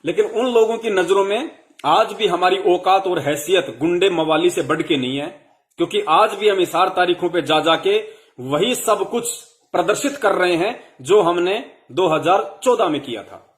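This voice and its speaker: Scolding young man preaching, high voice. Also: moderate pace. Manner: scolding, rhetorical questions. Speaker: devotee preaching to fellow followers. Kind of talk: heated devotional sermon.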